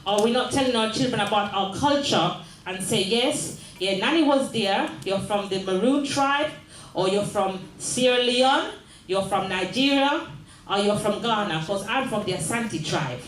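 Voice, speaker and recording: Here the Jamaican-born mayor, an older woman, sounds medium-pitched with lively intonation and a moderate pace. Her earnest community speech circles back on repeated phrases and keeps asking listeners "yes?". Slight background noise and faint ambience fill the echoey large room at a mayor's office.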